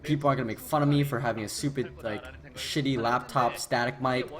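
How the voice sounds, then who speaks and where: A man giving casual, rambling play-by-play commentary on a video game match by himself. He swears freely, bursts into excited yelling, and his voice sounds tired and his throat dry. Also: medium pitch, quick pace. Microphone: new desktop microphone.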